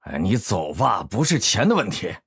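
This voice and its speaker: A man's voice: on the low side, sing-song, moderate pace, a bit bright, slightly rough, full character voice. An actor playing a male herb-shop owner who curtly turns a customer away. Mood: dismissive. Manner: dismissive, curt.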